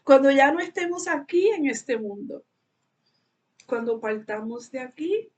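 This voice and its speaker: A woman's voice: high voice, animated, measured pace. A middle-aged woman giving an earnest, heartfelt personal religious testimony, often asking rhetorical questions.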